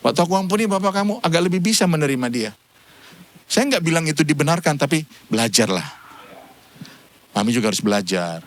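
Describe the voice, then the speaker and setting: A man preaching a light-hearted sermon, his voice pitched a touch high for a man and swinging widely as he tells stories. He acts out both sides of a conversation with his wife and chuckles as he goes. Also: expressive, fast, long pauses. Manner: storytelling, acting out dialogue with his wife; chuckles often between points. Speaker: pastor. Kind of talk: humorous sermon. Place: church service.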